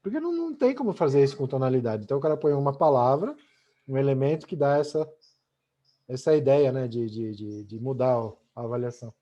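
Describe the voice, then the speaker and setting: A man's voice: medium pitch, animated, fast, mellow. Brazilian guy teaching a language class online, keeps saying né, kinda muffled call audio. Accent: Brazilian Portuguese. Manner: chatty, explanatory, tags almost every sentence with "né?". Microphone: video call.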